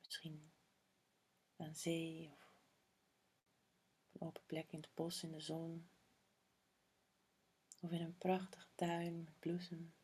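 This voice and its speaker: A woman guiding a meditation in a soft, breathy half-whisper, slow and soothing, with long pauses. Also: deep voice, monotone. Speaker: meditation guide. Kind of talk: guided meditation.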